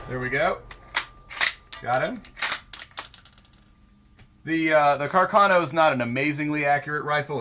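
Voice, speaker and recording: A man's voice: on the high side, noisy background. Joking man hosting outdoors. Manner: joking, laid-back, frequent ums. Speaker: video host. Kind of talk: casual demonstration vlog. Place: outdoor shooting range.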